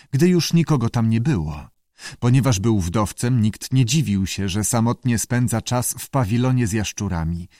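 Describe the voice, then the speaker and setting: A man narrating an audiobook chapter in an expressive storytelling manner. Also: mid-range voice, no echo, studio quality.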